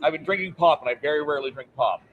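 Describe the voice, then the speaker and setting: A man's voice: fairly high pitch, racing, phone-quality sound. A man co-hosting a live board game stream at a convention. He has the hiccups and talks in a playful, jokey way, laughing often. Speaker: board game channel co-host. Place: convention center.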